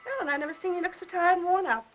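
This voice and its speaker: An actress playing a fussy, chattering older aunt who rambles and pries in a 1950s film. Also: female voice, extremely high pitch, rapid-fire, highs cut off, slight background noise. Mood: fussing chatter. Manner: rambling, prying, fussing talk.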